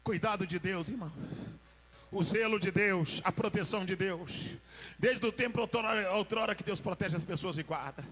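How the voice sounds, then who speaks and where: A Brazilian man preaching a Pentecostal sermon at a church congress, rising from hushed storytelling into shouted, half-sung climaxes. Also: high voice, moderate pace. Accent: Brazilian Portuguese. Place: large church congress hall.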